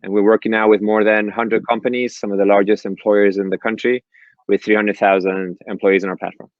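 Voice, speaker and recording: A lowish, very even-toned man speaks with a Spanish accent, briskly listing facts as a panelist. The recording is dry and a bit dull, as if through a lo-fi mic. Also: no echo. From Spain. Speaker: startup CEO and panelist. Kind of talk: conference panel introduction.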